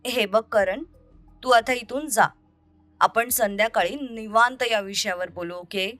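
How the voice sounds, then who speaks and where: A woman voicing a young woman who is defensive and tense while being exposed, over soft music. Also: on the high side, unhurried, no room sound. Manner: tense, pleading for him to leave. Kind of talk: audio story reading.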